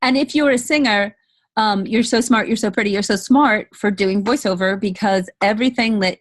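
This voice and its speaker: Leading an informal online training session, a female voice-over coach outlines her program and fields questions in an upbeat, encouraging way, driving points home through repetition. She speaks at a normal speed in a mid-range voice, and there's no echo on the recording.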